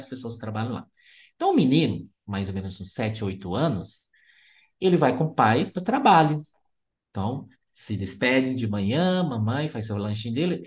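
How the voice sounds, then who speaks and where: A speaker, calmly explaining family dynamics and telling teaching stories on a podcast. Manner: gentle, didactic, pitch rising and falling. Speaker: family constellation therapist guest. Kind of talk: explanatory storytelling.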